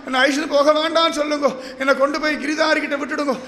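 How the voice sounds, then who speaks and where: A man's voice: very high-pitched, quick pace, fairly bright tone. Man voicing a wailing young woman devotee. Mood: desperate wailing. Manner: wailing, crying out for rescue. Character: anguished young woman devotee pleading desperately. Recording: echoey hall.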